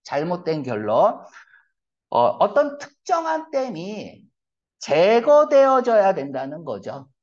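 Lively-pitched male teacher, dull lo-fi audio. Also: takes it slowly. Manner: asks rhetorical questions, blunt slangy asides. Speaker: English reading teacher. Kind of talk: classroom lecture on reading comprehension. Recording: dull lo-fi lecture recording.

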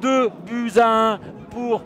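Excited high-pitched male football commentator. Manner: excitable, swings from quick murmured play-by-play to shouted, drawn-out exclamations. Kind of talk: excited live sports commentary.

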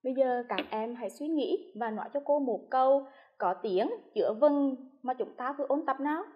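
A female primary school teacher giving a televised lesson to first graders, speaking slowly and spelling things out with careful, clear articulation. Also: high voice, lo-fi sound. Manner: slow, clearly articulated classroom delivery.

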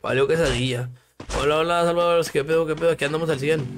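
A man's voice: a little high, steady tone, fast talker, over loud music. A young man with a Mexican Spanish accent, streaming a game live, joking crudely and greeting viewers by name. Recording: noisy stream audio.

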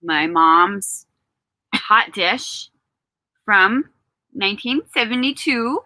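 A woman co-hosting a casual book chat from an outdoor tent, telling lively, laughing family stories into a laptop mic. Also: mid-range voice, very slow, no echo, low-quality recording. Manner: bubbly, laughing, storytelling. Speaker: author co-hosting a book event.

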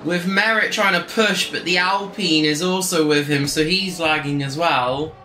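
Bright-voiced man calling a sim race. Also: on the high side, a little slow. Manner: chatty, joking, off-the-cuff. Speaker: sim racing commentator and streamer. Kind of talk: casual live race commentary. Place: home streaming setup. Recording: roomy echo, faint music behind.

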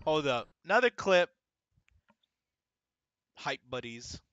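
A man streaming a video game live, reacting excitedly, chatting with viewers and swearing casually. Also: on the high side, takes it slowly, clean tone, no echo, muffled recording. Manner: excitable, chatty, talks to chat. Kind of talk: live gameplay commentary. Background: game music.

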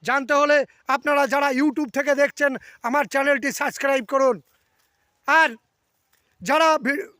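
A man hosting a video, giving a heated religious rebuttal to camera and chanting the mantra in a slow sing-song. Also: extremely high pitch, steady tone, sharp tone, dry recording, clean studio sound. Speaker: video host answering a critic.

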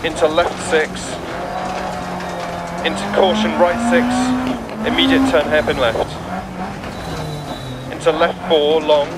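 Loud engine and tyre noise surrounds a focused male rally co-driver in a racing game. He calls rapid pace notes in a slightly high voice. The phrases are clipped, businesslike and urgent. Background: racing car engine, gravel and tyre noise.

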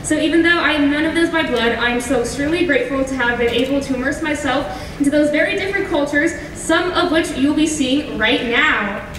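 A teenage girl from Germany, reading announcer lines slowly and carefully on a school stage. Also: high-pitched, fairly bright tone. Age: teens. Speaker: fashion show announcer. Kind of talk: reading prepared remarks on stage. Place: large school auditorium stage. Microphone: handheld mic, heard from far off. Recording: echoey auditorium from far off, crowd noise.

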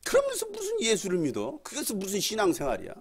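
A man's voice: sits high, wildly swooping pitch, fast, background noise. Fiery, scolding Jeolla-accented male pastor. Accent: Jeolla Korean. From Jeolla, Korea. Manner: blunt, scolding, swings between shouts and mutters. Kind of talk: fiery youth sermon. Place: church hall.

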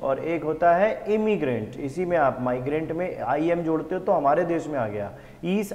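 A man with a fairly high, mellow voice teaches a vocabulary class for exam students. He reads each English definition out deliberately, then asks for the answer and says it again. His voice rings with a long reverb, as if in an echoing hall. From India. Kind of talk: exam-prep vocabulary lesson.

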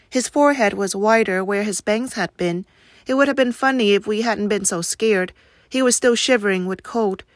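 A woman teacher reads a novel aloud in a steady, even way. Her voice sits at a middle pitch. The sound is dry and close, with no echo.

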